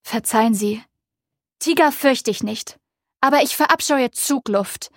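Eine Frau, die eine eitle, kokette Blume spricht, geziert und verwöhnt. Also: female voice, on the high side, a little slow, dry recording, studio quality. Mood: fussy, demanding. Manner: affected, pampered, fussy. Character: vain, coquettish delicate female flower.

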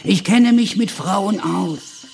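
A man voicing a boastful, pushy male jungle animal in a storybook reading, loud and swaggering. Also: sits high, slow pace, creaky, a little hiss or hum, voice pushed up, exaggerated voice.

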